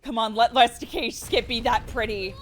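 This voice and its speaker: A woman speedrunner giving live commentary on her game, cooing baby talk to the creature and bursting out loud when things go well or wrong. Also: fairly high pitch, moderate pace. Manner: excitable, with sudden loud outbursts. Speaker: speedrunner streamer.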